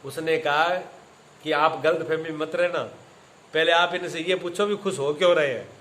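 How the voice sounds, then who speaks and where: A man's voice: a little high, moderate pace, a bit bright, echoey room, slight background noise, poor audio. Man giving a spiritual discourse. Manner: storytelling with acted quotes, repeats phrases. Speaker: spiritual teacher.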